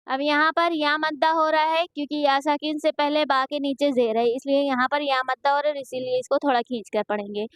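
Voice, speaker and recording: A woman's voice: high-pitched, steady tone, a little fast, few pauses, no room sound. A woman teaching Quran reading, patiently spelling out letters and syllables, then explaining the rules. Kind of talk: slow spelled-out recitation drills with explanations.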